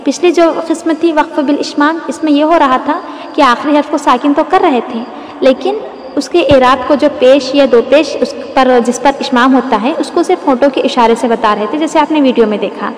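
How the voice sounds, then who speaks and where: A high-pitched woman gives a patient recitation lesson, stretching out example words as she explains them. Her voice rings around an echoey room with a long reverb tail. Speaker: Quran recitation teacher. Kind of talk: tajweed lesson with demonstrations.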